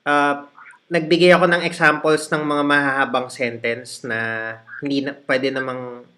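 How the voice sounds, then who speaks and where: A man from the Philippines hosting a casual coaching conversation, calmly explaining and giving advice. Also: fairly high pitch, a little hiss or hum. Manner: measured, advising, explaining. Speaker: host, trainer.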